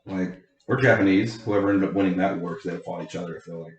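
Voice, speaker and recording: A young man co-hosting a podcast in casual chat, joking and swearing in an excitable way. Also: deep voice, fast, dull audio. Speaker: podcast co-host. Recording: roomy echo.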